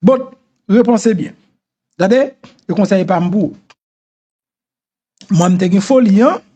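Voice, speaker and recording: A middle-aged Haitian Creole-accented man speaks in a notably high voice. He hosts a casual commentary monologue, repeating his points insistently as he gives advice. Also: a little slow, dark tone, lo-fi sound. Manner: repetitive, insistent advice-giving. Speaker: host.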